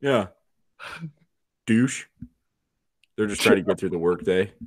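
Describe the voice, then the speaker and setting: A man's voice: fairly low pitch, slow pace. A man co-hosting a casual podcast chat, profane and rambling with frequent laughter. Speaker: podcast co-host.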